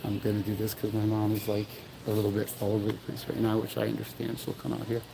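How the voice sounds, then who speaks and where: This livestream comes from an outdoor memorial event, where a man talks to viewers in an earnest, emotional ramble punctuated by frequent apologies. He speaks quickly in a lowish, gravelly monotone over background noise.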